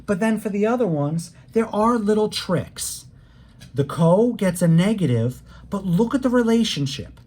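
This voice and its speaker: A math instructor gives a recorded calculus lecture in a mellow, warm, mid-range voice, animated and at a moderate pace. Speaking plainly and straight to the students, the instructor patiently explains each step and leans on key words to make them stick.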